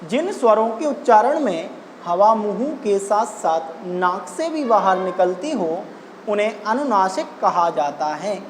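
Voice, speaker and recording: A woman teaching a Hindi grammar lesson for exam preparation, explaining step by step with deliberate pauses. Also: mid-range voice, lively intonation, slight background noise. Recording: echoey room with long reverb.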